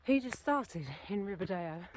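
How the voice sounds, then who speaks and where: This British walking vlogger chats into her handheld camera outside, rambling and fixing her words while a bit out of breath. Her medium-pitched voice is lively yet unhurried and a little mellow, and there's a faint hiss or hum.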